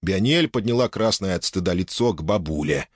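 Male audiobook narrator, low and animated, dry close mic. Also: fairly quick, dry recording. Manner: expressive storytelling.

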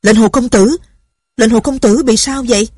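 A woman's voice: lowish voice, normal speed, a little mellow, no echo, close to an everyday voice. A woman voicing a polite, deferential older male martial artist in an audiobook. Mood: concerned.

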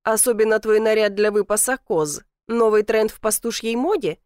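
Teasing deadpan young guy in an audiobook, read by a lady with a higher voice, dry close sound. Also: moderate pace, smooth, dry recording, natural voice. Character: mocking self-assured young village man. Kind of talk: audiobook character reading.

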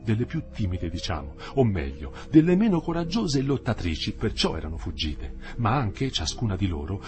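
A man reading a novel aloud in a measured, expressive storytelling manner. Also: fairly low pitch. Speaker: audiobook narrator. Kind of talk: literary audiobook reading.

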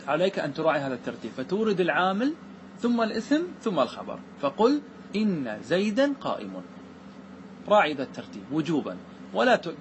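A man teaching a grammar lesson, often asking his students questions and answering them himself, and reciting examples slowly. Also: on the high side, a little hiss or hum, rough recording.

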